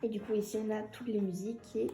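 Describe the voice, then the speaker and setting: A young woman chatting excitedly and giggling as she unboxes an album for her vlog. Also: medium pitch, quick pace, roomy sound, soft background music.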